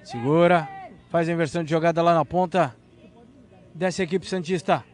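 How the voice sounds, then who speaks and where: A man's voice: fairly high pitch, fairly even intonation, normal speed, some chatter behind. A man with a Brazilian accent giving live play-by-play commentary on a football match.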